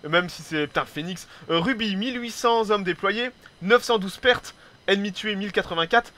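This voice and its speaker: A man casually commentating a strategy game replay, excitable, swearing freely and tagging his sentences with little filler words. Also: sits high, normal speed. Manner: excitable, swears casually, peppers speech with "hein"; hesitant restarts and repeated words.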